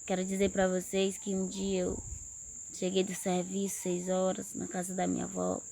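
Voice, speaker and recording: A woman's voice: medium pitch, monotone, moderate pace, creaky, warm tone. A woman earnestly telling a personal religious testimony. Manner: earnest storytelling, rising intensity. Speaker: testimony speaker.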